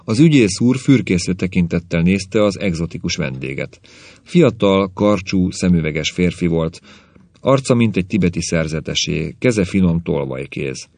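A man narrating an audiobook in a measured, wry storytelling manner. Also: low voice, animated, darkish tone, no echo.

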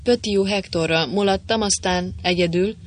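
A man voicing a dazed young legionnaire who has just come to, stammering slowly in bewilderment. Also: high voice, steady tone, pitched above the performer's own voice, natural voice.

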